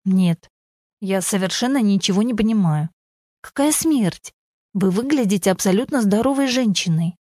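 A woman's voice: medium pitch, lively intonation, moderate pace, dark tone, dry recording, studio quality, lightly acted. A woman reading the part of a grey-haired older man who grumbles but pleads and apologizes, in an audiobook story. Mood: bewildered.

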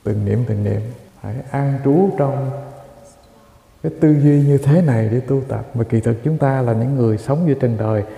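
A Buddhist monk preaches in a deep, very dark voice with a gravelly edge. His delivery is measured and emphatic, and he keeps turning to address his listeners. The sound rings with the long reverb of a large hall. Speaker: Buddhist monk giving a dharma talk. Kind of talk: sermon.

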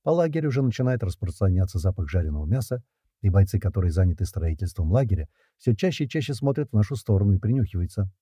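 A man's voice: fairly low pitch, big pitch swings, fast talker, dark tone, slightly rough, no room sound, studio quality. A man narrating an audiobook in the first person, casual and slangy.

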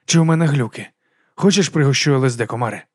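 A man voicing a drugged male detective who rambles giddily and shouts at times, as an audiobook character. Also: mid-range voice, fast, breathy edge, no room sound, studio quality, lightly acted. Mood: giddy.

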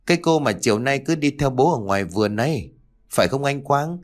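A man voicing a curious little boy asking his brother questions in an audio story, pitched up from his own voice. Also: animated, a little fast, lightly acted.

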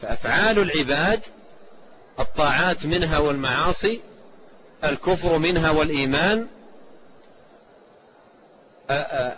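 Male sheikh, lecture delivery, higher-set voice, repeats points for emphasis; dull lo-fi recording, faint hiss. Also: fairly bright tone. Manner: measured, repeats key phrases for emphasis; recites quoted scripture and hadith. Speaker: sheikh teaching a creed text. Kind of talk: lecture explaining a classical text.

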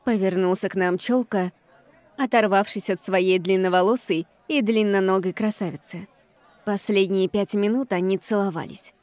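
A woman's voice: medium pitch, steady tone, normal speed, darkish tone, no echo, some chatter behind. A woman reading a first-person audiobook with an ironic, exasperated tone. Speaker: audiobook reader.

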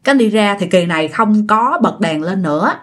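A woman's voice: mid-range voice, expressive, a little fast. Chatty Southern Vietnamese woman telling ghost stories. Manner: chatty, addresses listeners directly. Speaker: storyteller. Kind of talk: casual ghost-story narration.

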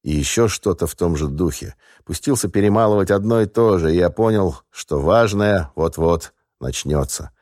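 A man reads a first-person audiobook in a steady, scripted, measured style with a wry touch. His very low voice is recorded dry and close in a booth, with no room sound.

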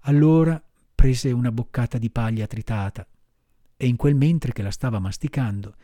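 A man narrating a children's classic audiobook in a measured, expressive way. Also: mid-range voice, dry recording, clean studio sound. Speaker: audiobook reader.

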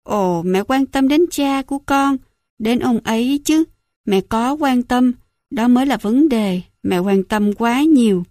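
A woman's voice: fairly high pitch, animated, unhurried, darkish tone, no echo, studio quality. A woman voicing a cruel, scornful middle-aged mother who smokes and mocks her son. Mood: melodramatic. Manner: sneering, mocking, contemptuous.

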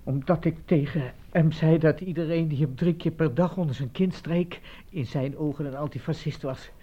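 An actor playing a defiant, stubborn young injured prisoner in a radio drama. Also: male voice, fairly high pitch, normal speed, warm tone, close to an everyday voice. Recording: dull lo-fi radio play recording.

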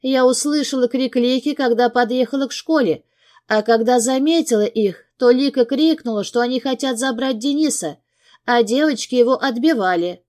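A woman's voice: lively intonation, moderate pace, few pauses, a little mellow. A woman voicing a hysterical sobbing young mother. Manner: shrill, screaming. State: crying. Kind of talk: audiobook character voice.

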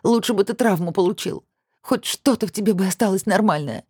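A woman voicing a heartbroken young woman who speaks in a shrill, tearful, shouting way, in an audiobook. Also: a little fast, breathy edge, no room sound, clean studio sound, natural voice. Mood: bitter.

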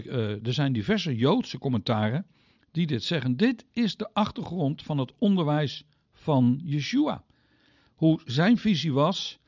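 A man's voice: a little mellow, no echo, studio quality. Emphatic male radio Bible teacher. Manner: emphatic, leaps up in pitch on key words; addresses listeners directly, explaining step by step.

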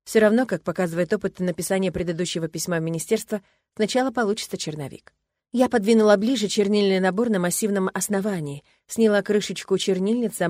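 A woman narrating an audiobook in the first person, calm and even. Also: medium pitch, no echo, studio quality.

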